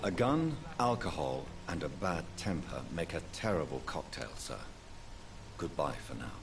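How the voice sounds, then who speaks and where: An actor playing a composed male doctor investigator in a game, formal, measured and probing. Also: low-pitched, sing-song. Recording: noisy game audio.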